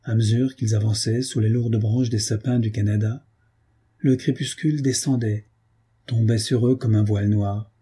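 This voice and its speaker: A man narrating a literary audiobook in a measured, calm storytelling manner. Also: fairly low pitch, breathy edge.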